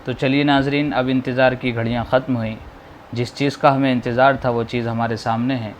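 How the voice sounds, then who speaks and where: A man teaching how to read the Quran, slowly drawing out each letter sound and patiently explaining how to pronounce it. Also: medium pitch, level tone, a little hiss or hum. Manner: slow, drawn-out modeling of sounds, explaining patiently. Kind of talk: spoken lesson on letter pronunciation.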